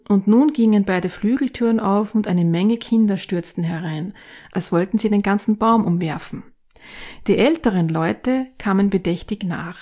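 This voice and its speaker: Woman narrator, calm and even, mid pitch, suits a classic fairy tale reading.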